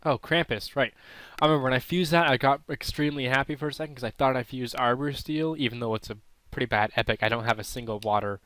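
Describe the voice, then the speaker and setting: A man's voice: mid-range voice, fast, hardly any pauses, fairly bright tone, no room sound. A man with a throat irritation giving casual, unsure, self-correcting commentary while playing a mobile game. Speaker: gaming channel host.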